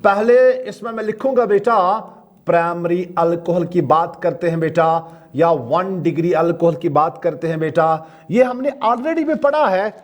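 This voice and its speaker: A man's voice: high-pitched, normal speed. A man with a Kashmiri accent giving a chemistry lecture, asking his own questions, answering them himself, and fondly calling the students "beta". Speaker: chemistry teacher. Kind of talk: classroom lecture.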